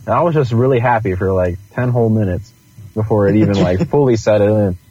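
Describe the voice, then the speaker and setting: A man's voice: lowish voice, fast, warm tone, lo-fi sound. A man co-hosting a casual podcast chat, eager and nitpicking. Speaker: podcast co-host.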